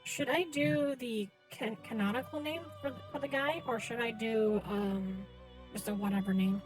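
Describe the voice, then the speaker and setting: A woman's voice: fairly high pitch, steady tone, normal speed, poor audio. A woman doing casual live commentary as she plays a game, hesitant and thinking aloud. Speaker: game streamer. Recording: game music behind voice. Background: game music.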